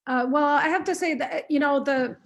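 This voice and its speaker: A woman's voice: sits high, normal speed, creaky. A woman from Patagonia in Argentina giving an online artist talk, thoughtful and prone to restarts, heard over a video call. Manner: thoughtful, with frequent restarts and fillers. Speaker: visiting artist speaker.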